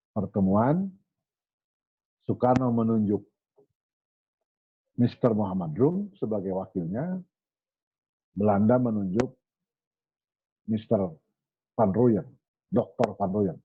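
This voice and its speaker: A man telling history in a relaxed, anecdotal way, acting out remarks he quotes. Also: lowish voice, husky, dry recording. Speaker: speaker on history. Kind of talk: storytelling history talk. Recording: tinny phone-like recording.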